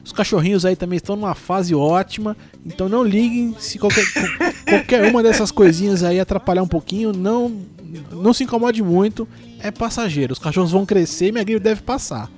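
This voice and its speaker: Over music, a man with a São Paulo Brazilian Portuguese accent hosts a casual sports news podcast, talking fairly quickly in a high voice. He has the flu, sounds congested from his cold, and rambles in a self-deprecating, slangy way.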